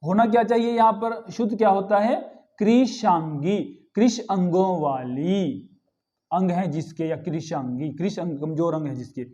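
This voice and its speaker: High-voiced male teacher drilling words. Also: fairly even intonation, mellow, lo-fi sound. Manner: repeats each word slowly and drills correct forms; addresses students as children, asks questions and answers them. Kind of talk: grammar lesson.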